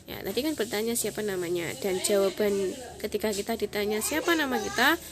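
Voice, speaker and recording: A woman teacher, giving a slow, clear lesson to young children, spelling letters out and singing the alphabet. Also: medium pitch. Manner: slow, clear spelling and sung alphabet, Javanese-polite asides. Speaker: primary school English teacher.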